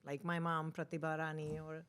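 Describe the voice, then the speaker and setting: Low-pitched Indian-accented woman, emphatic and repetitive. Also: little pitch movement, moderate pace, a bit bright, clear, resonant tone. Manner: emphatic, repeats words and short phrases. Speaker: interview guest, author. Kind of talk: reminiscing in a conversational interview.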